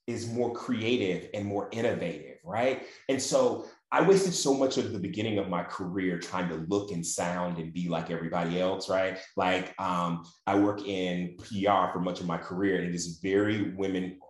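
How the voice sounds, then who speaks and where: A man with a Mississippi Southern accent speaks in a low register. He talks conversationally, like a panelist, punctuating his points with a questioning "right?". The sound is noticeably roomy and echoey. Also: steady tone, moderate pace, few pauses. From Mississippi, USA. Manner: often tags points with "right?". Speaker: panel guest.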